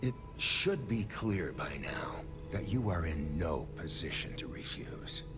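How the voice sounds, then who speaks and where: An actor playing a gruff, curt and sardonic corporate agent in a video game. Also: male voice, low-pitched, big pitch swings, unhurried. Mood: exasperated. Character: gruff, impatient corporate agent following orders. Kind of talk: scripted game dialogue. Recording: music behind the voice.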